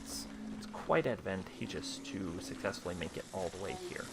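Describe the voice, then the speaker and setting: A man's voice: low voice, expressive, normal speed, very noisy. A man giving casual, profane commentary while playing a video game on stream. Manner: swearing, self-mocking. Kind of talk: gameplay commentary. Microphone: headset.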